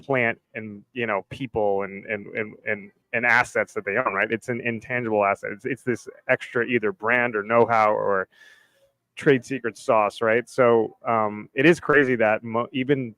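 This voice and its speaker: A man's voice: mid-range voice, steady tone, moderate pace, bright, forceful tone, no room sound, poor audio. A man speaking on a casual panel discussion, loose and full of "like" and "right?". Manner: loose, filler-heavy, says "right?" and "like" often.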